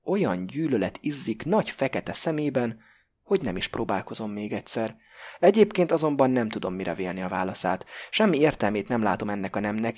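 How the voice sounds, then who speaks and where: A man reading a novel aloud in first person, in a measured and even way. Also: mid-range voice, breathy edge. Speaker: audiobook narrator. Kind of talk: first-person literary narration.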